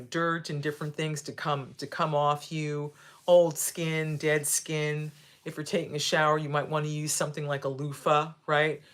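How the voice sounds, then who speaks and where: Demonstrating on a live video, this sixty-year-old host talks in a low-pitched, fairly bright voice. Her instructional chat is casual, peppered with tag questions and repeated phrases.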